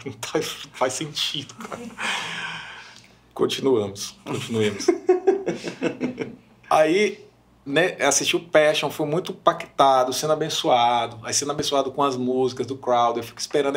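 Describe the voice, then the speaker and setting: A young Brazilian man talks on a podcast, spinning stories with real enthusiasm. His voice sits at an ordinary middle pitch. He slips into the people he quotes as he goes. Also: fairly quick. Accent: Brazilian Portuguese. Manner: animated storyteller, acts out quoted voices. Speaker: podcast guest, worship minister. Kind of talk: casual podcast chat.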